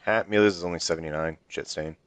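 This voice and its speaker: A young man with a very low, deep voice ribs his buddies in profane gaming banter. He talks over a headset in loose voice chat, needling and cursing freely. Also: fairly even intonation, fast, no echo. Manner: trash-talking, profane, needling. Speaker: online league player.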